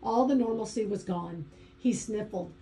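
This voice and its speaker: Woman reading a novel aloud, chatty first person, mellow warm voice. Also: medium pitch, moderate pace, rough recording. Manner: conversational, wry inner monologue. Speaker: audiobook narrator. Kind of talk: first-person audiobook narration.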